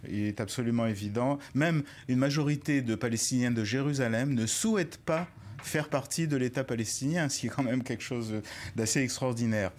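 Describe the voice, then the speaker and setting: A man's voice: medium pitch, a little fast, slight background noise. A man speaking as a guest in a TV news debate, formal and assertive with an indignant edge. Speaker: panel guest.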